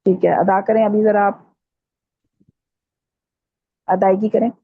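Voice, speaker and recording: A woman teaching a recitation class online, explaining patiently step by step and slowing right down to model each sound. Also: medium pitch, flat delivery, husky. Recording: dull lo-fi audio.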